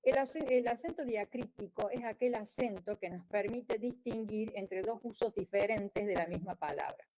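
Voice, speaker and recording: A woman's voice: medium pitch, moderate pace, hardly any pauses, dark tone, poor audio. A woman giving a conference lecture as a geologist, explaining in a wry way with frequent restarts. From Argentina.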